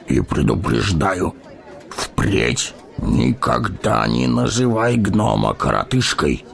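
An actor playing a proud, touchy dwarf warrior who talks slowly and menacingly in an audio drama. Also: male voice, deep voice, creaky, full character voice. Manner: slow, threatening, touchy.

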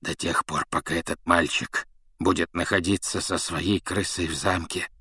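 A man voicing a grim male fugitive with a hoarse, rasping voice. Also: deep voice, steady tone, moderate pace, pushed and bright, no echo, pitched below the performer's own voice, heavily acted. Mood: strained.

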